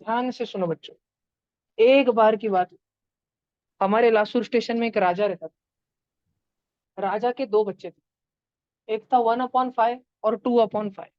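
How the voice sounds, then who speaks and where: A woman's voice: fairly high pitch, slow, pauses often, no echo, highs cut off. A woman teaching a math lesson to children in an online class, turning numbers into story characters and acting out their lines. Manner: playful, acts out number characters in voices.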